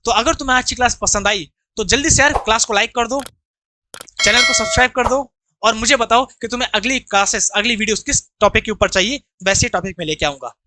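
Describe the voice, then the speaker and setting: A man's voice: high-pitched, fast talker, background noise. A man from India teaching English vocabulary in an online lesson, explaining each word and asking students to repeat after him, with an Indian accent.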